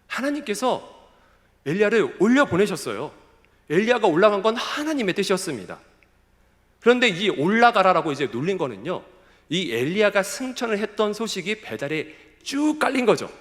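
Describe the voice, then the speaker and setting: Lively high-voiced male pastor preaching. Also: moderate pace. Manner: conversational preaching, rhetorical questions to the congregation. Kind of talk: sermon to a youth service. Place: church sanctuary. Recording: echoey church hall.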